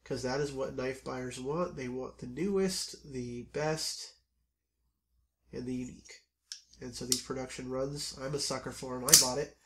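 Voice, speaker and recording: A man with a hoarse, scratchy voice from a cold, chatting casually through a knife review with frequent ums. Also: medium pitch, moderate pace. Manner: relaxed and chatty, with frequent ums and self-corrections. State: hoarse, under the weather. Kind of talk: casual product review to camera.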